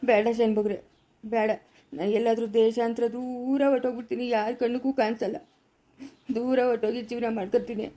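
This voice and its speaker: Woman as a sobbing, meek betrayed man, quick, high, dark tone, Chikkaballapura Kannada, village drama. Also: flat delivery, lightly acted. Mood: tearful. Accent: Kannada, Chikkaballapura area. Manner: pleading, sobbing lines. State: crying. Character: grieving betrayed younger man, tearful and meek. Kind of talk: amateur family village drama.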